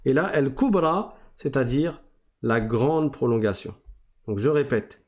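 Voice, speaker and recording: Slow, deliberate man teaching recitation. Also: medium pitch, animated, darkish tone. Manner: slow, deliberate explaining, repeats rules. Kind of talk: classroom lesson on tajwid.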